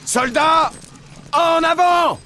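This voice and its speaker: A man's voice: very high-pitched, very slow, bright, forceful tone, slight background noise, full character voice. A man playing an eager, obedient medieval soldier in a strategy game, barking clipped martial replies and battle commands. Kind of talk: video game unit barks.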